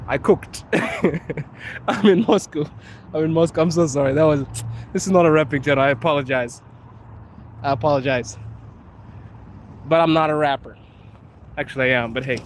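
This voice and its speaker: Chatty man streaming from a busy street. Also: fairly high pitch. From Zimbabwe. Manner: chatty, laughs often, breaks into freestyle rap. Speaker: livestreaming vlogger. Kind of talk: casual livestream chat. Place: outdoors on a city street. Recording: street noise behind the voice. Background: traffic and street noise.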